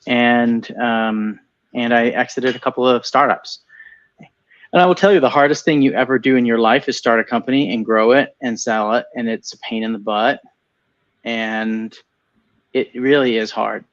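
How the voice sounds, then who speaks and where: In a lo-fi recording, a man with a medium-pitched, fairly bright voice talks at a normal speed. He co-hosts a relaxed webinar conversation as a venture capital partner, sounding keen and restarting sentences by repeating words.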